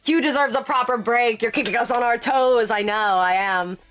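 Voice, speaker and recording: A woman streaming live in casual chat. She answers chat as she works and jumps to sudden high exclamations. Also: moderate pace, fairly bright tone, faint music behind. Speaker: VTuber streamer.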